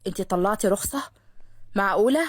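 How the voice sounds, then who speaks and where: A woman voicing a cocky, teasing thirty-year-old man in an Egyptian Arabic accent, calm and smug. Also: mid-range voice, fast talker, no room sound, studio quality, pitched below the performer's own voice, lightly acted.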